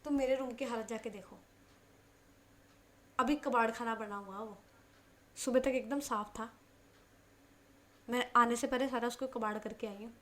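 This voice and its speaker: A woman voicing a playful, teasing young woman in a told love story, talking in an animated, mock-offended way. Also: on the high side, normal speed, pauses often, natural voice.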